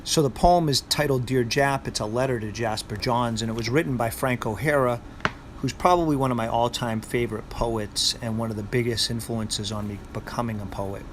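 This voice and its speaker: A man with a Boston accent presents and recites poetry as a poet would for listeners. His voice sits at a middle pitch. There is faint vehicle-like noise behind him. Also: moderate pace. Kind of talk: talk introducing and reciting poetry aloud.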